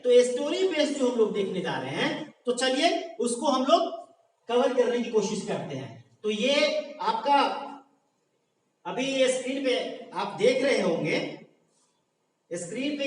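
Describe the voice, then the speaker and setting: Male tutor, lively pitch, patient and repetitive, recorded far off in a very echoey room. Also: measured pace, a little hiss or hum. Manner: explains patiently, repeats phrases, asks rhetorical check questions. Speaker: teacher. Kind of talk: exam coaching lesson.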